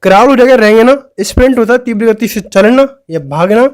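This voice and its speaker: A teacher walks through an exam vocabulary list with steady explanation. English phrases are read slowly and deliberately. The teacher poses quick rhetorical questions, then repeats each key answer for emphasis. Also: mid-range voice.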